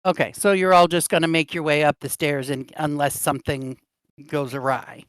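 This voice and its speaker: A man running a tabletop game over voice chat, with a fairly high, smooth and resonant voice. He talks hesitantly, apologizes often and fills pauses with ums. The sound is close and dry, with no room around it. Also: little pitch movement, fairly bright tone, no echo. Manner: hesitant, apologetic, full of fillers. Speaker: dungeon master. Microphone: voice chat microphone.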